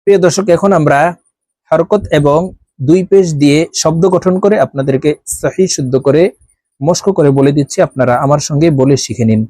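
A man teaching Quran letter pronunciation, reciting each letter and syllable slowly and clearly, with quick explanations in between. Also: on the high side, mellow, no room sound. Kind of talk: slow recitation drill.

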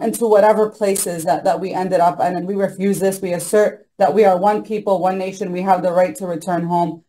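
A woman's voice: mid-range voice, warm tone, rough recording. A young woman speaking as a panelist on a video call from a small room, earnest and insistent, with many ums and you-knows. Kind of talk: impassioned panel talk. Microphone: laptop mic on a video call.

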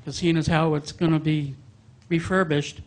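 At a public comment period in a town hall meeting room, a middle-aged man speaks bluntly into a handheld microphone, airing complaints. His voice sits on the high side, level in tone and at a moderate pace.

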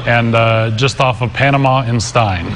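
A man's voice: mid-range voice, moderate pace, music in the background. A middle-aged man giving a casual promotional interview from a sports bar, speaking hesitantly and easily. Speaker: restaurant representative, interview guest. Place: sports bar, remote link. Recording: noisy busy sports bar ambience.

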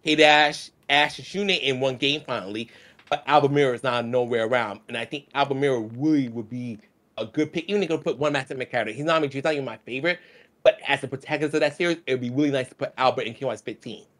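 Fast-talking opinionated man. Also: mid-range voice, fairly bright tone. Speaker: podcast guest. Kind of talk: casual gaming chat.

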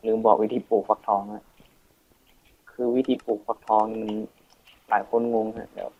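A teenage boy with a fairly low, flat-sounding voice hosts a Minecraft let's play, talking casually through a gameplay tutorial at normal speed. He's chatty, thinking aloud, counting and muttering as he plays. The recording is dry and sounds phone-quality.

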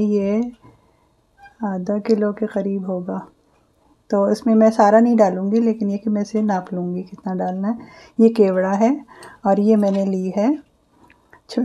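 A woman hosting her cooking channel, calmly explaining each step of a recipe as she cooks in her home kitchen. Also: medium pitch, dull audio.

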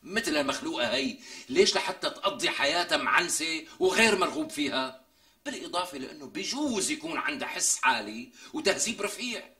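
A man's voice: on the high side, very animated, sharp tone, reverberant, full character voice. An actor playing a melodramatic, boastful man in a TV comedy sketch, talking in a theatrical, exaggerated way. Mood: earnest. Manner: theatrical, exaggerated, drawn-out emphasis. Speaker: comic sketch character.

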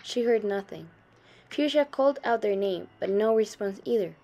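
A young adult woman reading a short story aloud in a steady storytelling manner, softening her voice for quoted lines. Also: medium pitch, moderate pace. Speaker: student reader.

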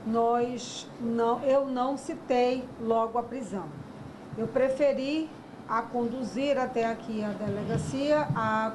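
Woman, police investigator, very slow, hesitant, slightly high voice, noisy field recording. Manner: hesitant, searching for words. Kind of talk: recounting events to a reporter.

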